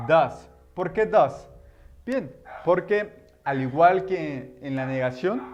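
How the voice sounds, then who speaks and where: A young man, teaching a patient grammar lesson and slowing down to model example sentences. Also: on the high side, a little mellow, a little hiss or hum. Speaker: English teacher. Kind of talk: classroom-style grammar lesson.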